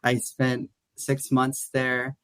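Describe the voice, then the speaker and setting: Very slow and completely flat, a young adult from Atlanta, USA talks casually as an interview guest, full of restarts and "like" fillers. His medium-pitched voice is clear and resonant, with no room sound and faint music in the background.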